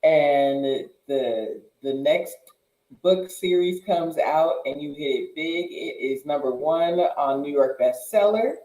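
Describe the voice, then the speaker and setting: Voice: mid-range voice, takes it slowly, dark tone, echoey room, poor audio. A host leading a casual group conversation by posing long hypothetical questions to the guests. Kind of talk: casual chat, hosting a panel.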